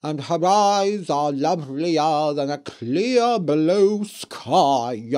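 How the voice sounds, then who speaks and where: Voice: mid-range voice, expressive, extremely slow, darkish tone. Man doing mocking ghost witch, sing-song, strange timbre, storybook spirit. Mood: flattering.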